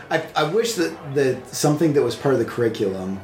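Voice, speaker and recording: A man hosting a casual podcast chat, agreeable and quick with short replies. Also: mid-range voice, lively intonation, a little mellow. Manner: agreeable, frequent backchannel replies. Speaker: podcast host. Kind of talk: casual conversation. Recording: roomy echo.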